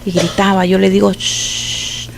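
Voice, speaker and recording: A woman answers her teacher by telling a short story from her work. Her voice carries a gravelly, fry-tinged edge, and she speaks in a mid-pitched tone. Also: fairly even intonation, a little slow, over music, rough recording. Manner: recounts a story, softly acts out hushing. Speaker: student. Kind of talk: answering in class.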